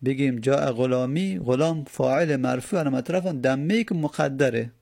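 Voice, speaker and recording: A man's voice: mid-range voice, gravelly, a little mellow. A man teaching a grammar lesson, patiently explaining step by step and answering his own questions.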